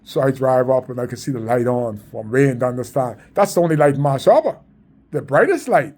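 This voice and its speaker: A man's voice: medium pitch, animated, fairly quick, a little mellow. A middle-aged Bahamian man with a Bahamian accent, telling community stories in an emphatic, repetitive, preaching way. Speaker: community sports organizer. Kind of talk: storytelling monologue.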